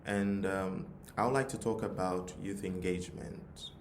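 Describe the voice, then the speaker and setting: An earnest motivational talk with a personal story comes from a Tanzanian-accented man who leads a youth nonprofit and is speaking at a forum, repeating phrases for emphasis. His voice is low-pitched and steady, a little slow. The recording is roomy with echo and has audible background noise.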